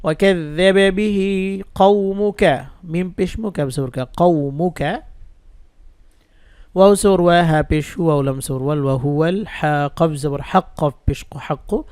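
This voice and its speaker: Man teaching quran reading, spells everything out slow, smooth clear voice, dry close sound. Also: on the high side, darkish tone, no room sound. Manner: slow, patient, spells out letters and vowel marks one by one. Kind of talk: spelled-out Quran recitation lesson. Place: indoors, rain audible outside.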